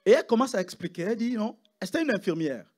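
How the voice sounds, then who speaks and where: High, animated preaching pastor. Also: male voice, quick pace. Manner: preaching with rising shouts and sudden hushed drops. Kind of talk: sermon. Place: church.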